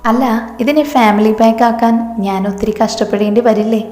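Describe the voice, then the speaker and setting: A woman's voice: fairly high pitch, steady tone, a little fast, warm tone, soft background music, lightly acted. A woman voicing a playful young woman who coaxes and pouts in a romance storybook. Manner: coaxing, pouty. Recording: echoey room, long reverb.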